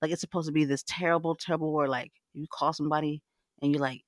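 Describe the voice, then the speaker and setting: A woman's voice: sits low, steady tone, fast, no echo. Woman, live audio host, casual chat, laughs often, blunt talk, dry close sound. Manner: chatty, laughs often, frank with swearing. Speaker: livecast host.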